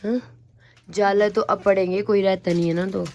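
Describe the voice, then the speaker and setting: A young woman with a Himachali accent, chatting excitedly as she gives a vlog tour of an old family house. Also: medium pitch, normal speed, slight background noise. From Himachal Pradesh, India. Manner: chatty, excited, calls out to kids. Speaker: vlogger. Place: old village house, indoors and outdoors. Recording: phone vlog with crowd chatter. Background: family and children talking.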